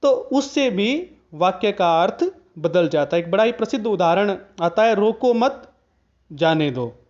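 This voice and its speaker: A man teaching Hindi grammar to students in a video lesson, explaining slowly and chanting Sanskrit examples. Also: sits high, lively intonation, a little mellow, muffled recording. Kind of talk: online Hindi grammar lecture.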